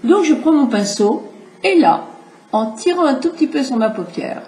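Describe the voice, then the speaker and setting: A middle-aged makeup tutorial host, a bit stuffy from a cold, talks viewers through her look in a casual, chatty, explanatory demonstration. Her high, light voice is sing-song and slightly mellow, at normal speed. The sound is roomy and echoey, with faint hiss.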